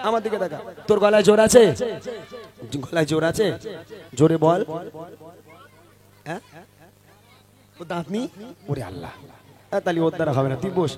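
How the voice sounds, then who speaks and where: A man who sings at religious events, teasing and coaxing children from the stage in a strained voice. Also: a little high. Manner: teasing, coaxing, loud calls. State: strained voice from long shows. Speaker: gojol singer hosting a religious event. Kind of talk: playful stage talk to children. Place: live gathering. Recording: live event, crowd noise.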